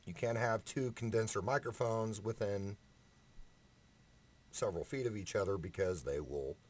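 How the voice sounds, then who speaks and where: This vlog features a man with a lowish, slightly mellow voice at a moderate pace, ranting casually about auditions as an amateur singer. His delivery is blunt, emphatic and sweary, captured on a close-up condenser microphone with no preamp.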